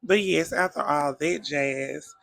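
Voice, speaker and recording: A man's voice: fairly high pitch, slow, vocal fry, no room sound. A man casually recapping a reality TV episode, chatty and gossipy, acting out the cast's lines as he retells them. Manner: chatty, animated retelling with quoted voices.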